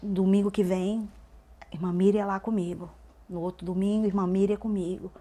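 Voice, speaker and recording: A woman's voice: medium pitch, level tone, brisk. Woman giving a dramatic testimony. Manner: dramatic storytelling, swings between loud and hushed. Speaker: podcast guest. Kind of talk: emotional personal testimony.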